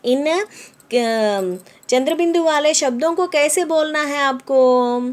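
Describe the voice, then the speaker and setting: A woman teaching a lesson to children, repeating each word slowly, explaining it in English and often asking if they understand. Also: high voice. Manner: slow, repeating words and explaining them in English.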